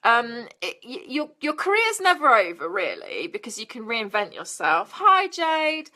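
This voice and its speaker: Young British woman live-streaming, high bright voice, chatty and crude, unhurried. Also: wildly swooping pitch. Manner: bubbly, crude jokey asides. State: out of breath. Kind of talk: casual live stream chat greeting viewers.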